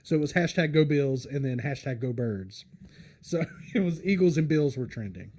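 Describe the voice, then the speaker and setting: A man's voice: medium pitch, animated, moderate pace, mellow. A man hosting a podcast in loose, profane casual chat, running through trending topics. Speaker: podcast host.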